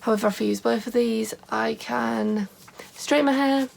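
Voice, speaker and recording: Speaking at a moderate pace with a steady tone, this young woman's voice is a little high, gravelly, and darkish, scratchy on this particular day. She's a beauty vlogger chatting casually to camera, meandering and saying "like" again and again.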